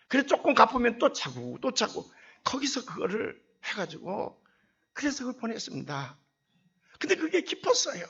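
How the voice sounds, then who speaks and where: A man's voice: high-pitched, gravelly, husky, highs cut off. A man in his seventies preaching a sermon, telling a personal story and acting out the dialogue with rising indignation. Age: 70s. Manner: animated, acts out dialogue, voice swells with indignation. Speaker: pastor.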